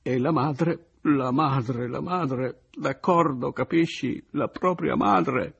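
Male reader voicing a desperate young wife, raised and gravelly, anguished sobbing cries in a storybook reading. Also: mid-range voice, slow pace, highs cut off, pitched above the performer's own voice, heavily acted.

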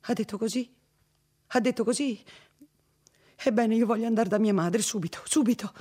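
A man's voice: sits high, moderate pace, dark tone, voice pushed up. A man voicing a frightened young woman held captive, speaking in a fearful, trembling way, in an audiobook reading.

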